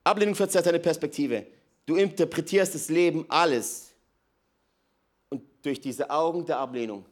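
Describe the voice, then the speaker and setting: High-pitched emphatic male preacher. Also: moderate pace. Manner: emphatic, swings from loud high bursts to low quiet asides. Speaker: pastor. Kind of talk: energetic church sermon. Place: large church hall with a live audience.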